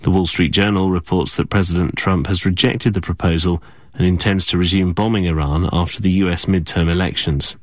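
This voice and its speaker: A man reading a radio news bulletin in a measured, formal way from a studio. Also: sits low, fairly even intonation, no echo. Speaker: newsreader.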